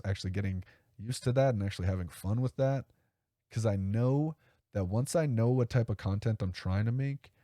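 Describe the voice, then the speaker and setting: A man's voice: mid-range voice, dark tone, no echo, studio quality. A man hosting his own podcast solo, talking casually in a rambling, self-correcting, enthusiastic way. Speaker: podcast host.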